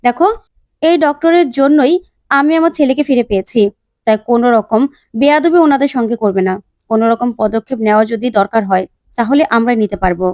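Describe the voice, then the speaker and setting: A woman voicing an elderly grandfather, the firm head of the family, speaking in a calm, steady way. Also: a little high, brisk, no room sound, clean studio sound, natural voice. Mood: stern.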